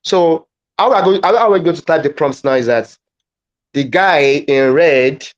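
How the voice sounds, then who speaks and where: A man with a slightly raised pitch leads a live online lesson demonstration. He talks haltingly, often restarting and repeating phrases as he works out the wording. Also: dull audio. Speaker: guest presenter. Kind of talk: live online teaching demo.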